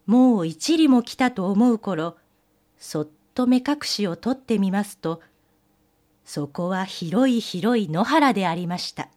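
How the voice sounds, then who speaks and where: A woman telling an old fairy tale in gentle storybook narration with old-fashioned polite phrasing. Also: mid-range voice, animated, measured pace.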